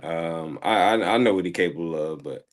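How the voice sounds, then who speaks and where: Man, sports show co-host, slangy, rambling, a bit hoarse, lower voice. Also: a little fast. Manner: rambling, slangy, repeats words and fillers. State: slightly hoarse throat. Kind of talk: casual football recap chat.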